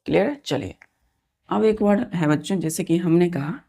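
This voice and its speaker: A woman teaching English vocabulary to students, spelling each word out letter by letter, repeating meanings and often asking if it is clear. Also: lowish voice, normal speed, mellow.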